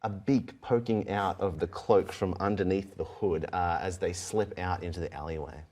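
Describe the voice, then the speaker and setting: A man narrating a tabletop game as game master, telling the story in a halting, conversational way. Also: sits low, steady tone, darkish tone.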